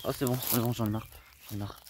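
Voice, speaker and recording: A teenage young man, a reality show participant, speaking quietly and haltingly with many fillers. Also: lowish voice, level tone, background noise. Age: teens.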